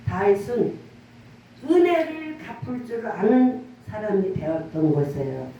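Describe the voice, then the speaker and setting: A woman's voice: mid-range voice, very animated, unhurried, dark tone, highs cut off, slight background noise. A middle-aged woman pastor preaching a sermon in earnest, conversational tones, often drawing responses from her congregation. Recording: roomy, echoey church room from far off.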